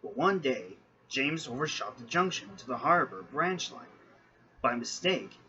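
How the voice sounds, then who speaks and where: A man narrating a children's train story in an expressive storytelling manner. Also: mid-range voice, measured pace, dull audio.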